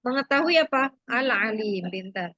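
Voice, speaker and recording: A woman's voice: on the high side, animated, normal speed, bright, forceful tone, dry recording, muffled recording. A woman teacher going over a lesson with her class, asking questions and prompting students for answers. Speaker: religious studies teacher.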